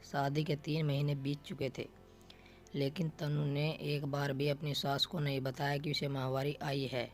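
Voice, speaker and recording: A man narrating a moral story in a steady, even reading style. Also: on the high side, measured pace. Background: faint background music.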